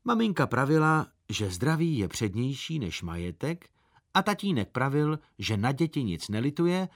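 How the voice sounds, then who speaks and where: A man narrating a storybook in an expressive, animated way, close to the mic. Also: mid-range voice, no room sound. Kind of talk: storybook reading.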